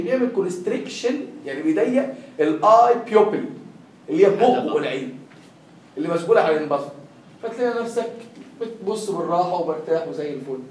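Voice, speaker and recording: Fast-talking Egyptian man lecturing. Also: high-pitched, a little hiss or hum. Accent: Egyptian Arabic. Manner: rapid, quizzing students with questions. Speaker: tutor. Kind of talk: classroom lecture. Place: classroom. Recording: echoey room, heard from far off.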